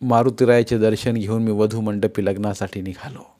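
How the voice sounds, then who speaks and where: A man's voice: on the low side, fairly even intonation, normal speed, mellow. Man narrating a wry story. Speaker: audiobook narrator.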